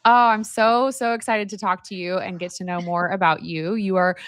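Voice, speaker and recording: A woman hosts a conversational interview podcast. Her voice sits at a middling pitch. The sound is dry, with little room in it. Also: fairly even intonation, normal speed, fairly bright tone, clean tone, no echo. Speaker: podcast and live stream host.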